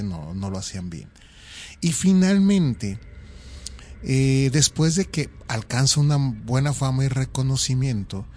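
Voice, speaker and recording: A man's voice: medium pitch, darkish tone. A man giving a conversational commentary on an old radio show, with fillers as he talks. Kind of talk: casual commentary.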